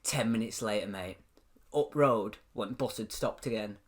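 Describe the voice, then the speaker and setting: A young man tells stories on a casual chat show. He is lively and animated, breaks into laughter often and swears without a second thought. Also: fairly low pitch, moderate pace. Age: 20s. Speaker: podcast co-host.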